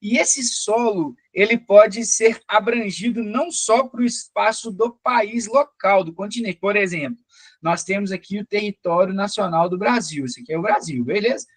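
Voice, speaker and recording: A man from Belo Horizonte with a Minas Gerais Brazilian accent gives an exam-prep lecture in a high-pitched, husky voice at normal speed, with no room sound. He teaches didactically, often pausing for check-in questions, and comes across as a teacher or a police or military sergeant.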